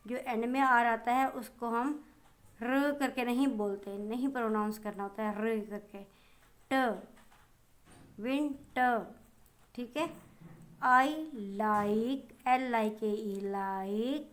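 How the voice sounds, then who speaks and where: Slow-spelling woman teacher with Pakistani accent. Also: a little high. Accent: Pakistani Urdu. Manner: slow, spells words letter by letter and translates them; addresses pupils fondly as children. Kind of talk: online class lesson for young children.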